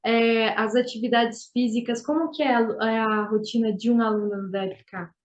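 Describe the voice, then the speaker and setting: Chatty teenage girl hosting, fairly high. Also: steady tone, moderate pace. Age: teens. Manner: chatty, asks loose rambling questions. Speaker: host. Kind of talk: casual interview.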